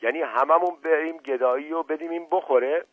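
A man's voice: fairly high pitch, no echo, voice pushed up, natural voice. A man doing an irritable village elder. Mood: exasperated. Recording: tinny phone-like dry recording.

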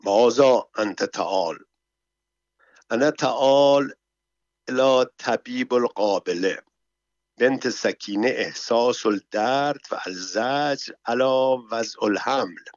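A man's voice: medium pitch, no room sound, close to an everyday voice. A man reading a storybook, voicing a sly, cheerful male servant who coaxes his master along, on a dull, dry recording. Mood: hushed. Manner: coaxing, lively, in broken foreign phrases.

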